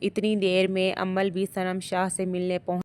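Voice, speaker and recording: Woman, drama reviewer, plot recap, lowish voice, monotone. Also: slight background noise. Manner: steady retelling of episode plot.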